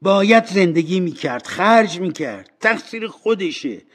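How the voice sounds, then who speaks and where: A man voicing a spiteful old washerwoman in an audiobook, indignant and shrill. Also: big pitch swings, a bit bright, breathy edge, heavily acted.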